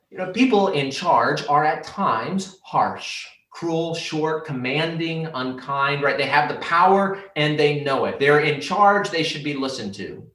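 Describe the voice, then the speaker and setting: A man's voice: fairly high pitch, a bit bright, roomy sound, far from the mic. A man preaching a sermon earnestly, his voice lifting when he quotes scripture. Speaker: pastor.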